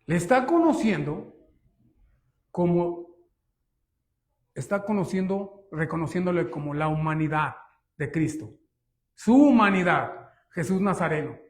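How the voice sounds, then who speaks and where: Man, pastor, sermon, high voice, emphatic, rhetorical questions. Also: animated, a little slow, pauses often. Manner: emphatic, rhetorical questions, often says "hermanos".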